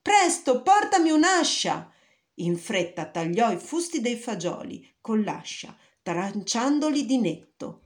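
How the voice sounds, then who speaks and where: A woman's voice: medium pitch, lively intonation, unhurried, hardly any pauses, a little mellow. A woman narrating a fairy tale in a storybook reading, with careful storytelling.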